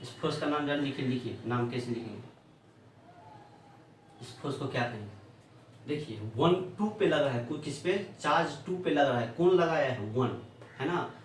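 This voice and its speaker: A man's voice: mid-range voice, moderate pace, long pauses, slight background noise. A male physics teacher, lecturing in a classroom and constantly quizzing students with "है ना?". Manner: keeps asking the class questions, repeats "है ना?". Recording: far, echoey room with faint ambience.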